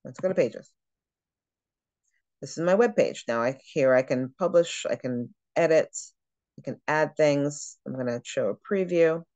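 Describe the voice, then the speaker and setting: A woman who trains travel agents, giving a chatty screen-share walkthrough of software and thinking aloud as she clicks through it. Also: low-pitched, unhurried, no echo.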